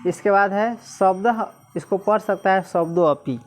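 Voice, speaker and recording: Woman, teacher, classroom lesson, slow syllable-by-syllable reading, frequent questions to the class. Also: medium pitch. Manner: repeatedly quizzes listeners, slow syllable-by-syllable reading.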